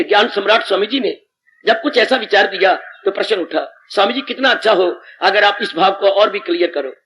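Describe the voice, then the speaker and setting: A man preaching a devotional sermon, telling a village parable with lively acted voices and exclamations. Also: sits high, poor audio. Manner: animated storytelling, voicing villagers and rising into exclamations.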